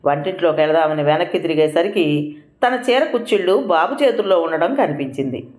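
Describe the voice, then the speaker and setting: A woman narrating a domestic tale with expressive, animated storytelling. Her pitch rises and falls in lively swings. The recording has a roomy echo. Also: brisk.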